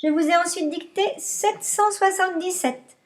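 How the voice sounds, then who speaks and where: A woman teaching primary maths, dictating to young pupils with deliberate articulation and repeating herself. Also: very high voice.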